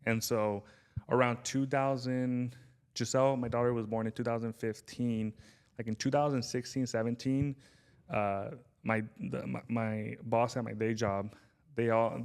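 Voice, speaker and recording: A man's voice: mid-range voice, clear, resonant tone. A man in his thirties from Southern California, a podcast guest telling stories in a laid-back, rambling way and calling people "dude" and "man". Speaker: podcast guest, brand founder. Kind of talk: casual podcast chat.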